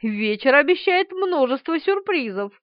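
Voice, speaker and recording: A woman's voice: high voice, big pitch swings, measured pace, no room sound, voice pushed up. A woman doing a wry tipsy male artist. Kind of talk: audiobook character voice. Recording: slightly dull, dry.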